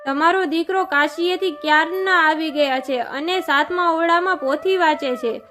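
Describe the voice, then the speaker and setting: An earnest young bride pleads with her in-laws, read by a woman narrator. Her voice is high. She is trusting in a devotional storybook reading. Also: moderate pace, a bit bright, soft background music.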